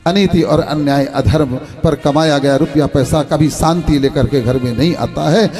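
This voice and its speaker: A man with a high, bright voice gives a devotional sermon and tells a story as he preaches. His delivery is sing-song, he puts rhetorical questions to the audience, and soft music plays faintly behind him. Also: steady tone, normal speed. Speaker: spiritual teacher.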